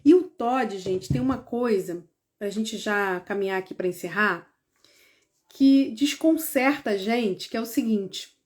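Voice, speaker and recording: A woman's voice: mid-range voice, measured pace, a little mellow. A woman with a Brazilian Portuguese accent, a parenting educator explaining to parents in a casual, conversational way, with frequent tag questions and restarts. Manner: briefly acts out parent and child exchanges.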